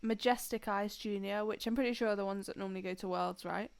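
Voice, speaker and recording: A woman co-hosting a podcast in casual chat, jokey and quick to read out scores. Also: mid-range voice, fairly even intonation, creaky. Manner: chatty, jokey, reads out scores. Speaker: podcast co-host.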